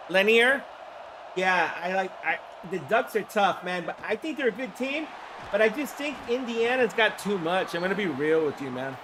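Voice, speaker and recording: A Florida man with a high-sitting voice, hoarse from the flu, gives live-stream play-by-play of a simulated football game. He chats with viewers and bursts into excited shouts on big plays.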